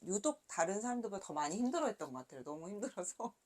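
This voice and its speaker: A woman in her thirties, a picture book author, reading her book aloud gently and then chatting softly about it with light laughs. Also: medium pitch, big pitch swings, rapid-fire.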